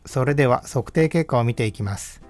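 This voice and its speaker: A man giving calm, measured, scripted narration that explains equipment test results step by step. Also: mid-range voice, soft background music. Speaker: audio equipment reviewer. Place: voice-over.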